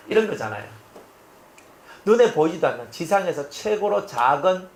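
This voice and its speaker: Animated preacher. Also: male voice, medium pitch, echoey room, a little hiss or hum. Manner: animated storytelling, acting out scenes. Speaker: pastor. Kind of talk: expository sermon.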